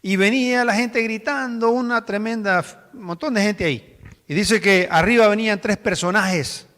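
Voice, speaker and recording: A man's voice: sits high, moderate pace, fairly bright tone, big-room sound. A male pastor preaching a sermon, telling stories in a conversational way and asking the congregation rhetorical questions.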